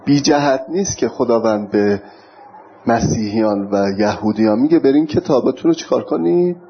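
A man's voice: medium pitch, breathy edge. A middle-aged man giving a sermon as a religious teacher, lecturing and reciting verses in between. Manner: lecturing, recites verses in Arabic, jokes with audience. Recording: dull lo-fi recording with faint noise.

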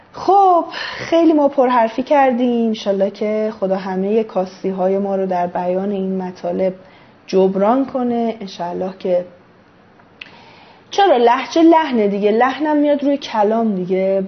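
A woman's voice: medium pitch, muffled recording. A woman leading an online religious study session, explaining things thoughtfully and correcting herself as she goes. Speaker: religious study group leader.

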